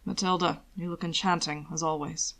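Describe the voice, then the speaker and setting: Audiobook role: female reader as an elegant, intense male doctor, quietly purring with cool courtesy, pitched low. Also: fairly even intonation, moderate pace. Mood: suave. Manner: purring, soft, formal. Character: suave, intense, coldly courteous doctor, a man. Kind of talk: audiobook character acting.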